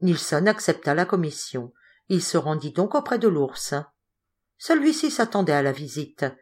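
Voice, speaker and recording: A woman narrating an audiobook in a measured, expressive way. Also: lowish voice. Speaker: audiobook reader.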